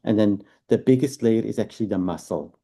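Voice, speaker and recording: Speaking briskly in a fairly low, dark-toned voice, a Belgian-accented fertility doctor in his fifties from Belgium gives a patient, step-by-step explanation in an interview, leaning on tag questions.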